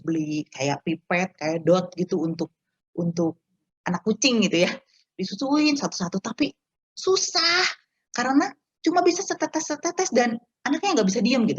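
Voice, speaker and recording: A woman telling a personal testimony to an online prayer meeting, speaking to the listeners directly in an animated storytelling way. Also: mid-range voice, husky, dull audio. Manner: animated storytelling, addresses listeners as Bapak Ibu. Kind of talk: testimony to a congregation.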